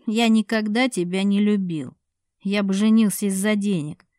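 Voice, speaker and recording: A woman reader voices a menacing man in an audiobook, harsh and contemptuous. She keeps the dark, mellow tone of her own voice, close to the mic and dry. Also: mid-range voice, moderate pace, clean tone, no room sound, natural voice. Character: menacing, cold-hearted grown man.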